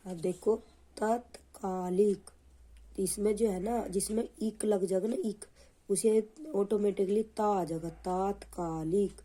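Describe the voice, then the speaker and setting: A woman's voice: medium pitch, fairly even intonation, slow, warm tone, a little hiss or hum. A woman teaching a spelling lesson for an exam, patiently saying each word twice and correcting the wrong form after it. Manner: patient, drilling delivery.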